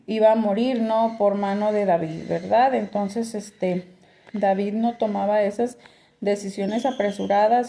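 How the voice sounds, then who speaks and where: A woman leading a beginners' Bible study, explaining passages slowly and checking in with her listeners, often clearing her throat between thoughts. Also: mid-range voice, warm tone. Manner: keeps asking "¿verdad?" as a check-in, with many filler pauses.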